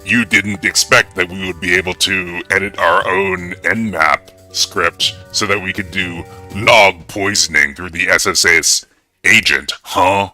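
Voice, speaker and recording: A man using a voice changer to play a menacing hacker villain who taunts his victims slowly. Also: fairly even intonation, sharp tone, faint music behind, exaggerated voice. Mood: gloating. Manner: slow, gloating, mocking. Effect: voice changer, pitched way down. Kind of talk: livestream voice-changer bit.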